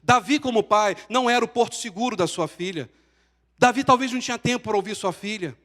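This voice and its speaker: A Brazilian pastor with a high voice preaches a sermon. He builds his points with pauses and rising emphasis, and his voice rings out with a long church-hall reverb behind it. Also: fairly bright tone. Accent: Brazilian Portuguese.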